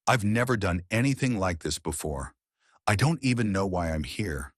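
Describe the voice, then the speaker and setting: Man doing a scared young woman, tearful pleading, deep husky voice, dry close sound. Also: lively intonation, moderate pace, no echo.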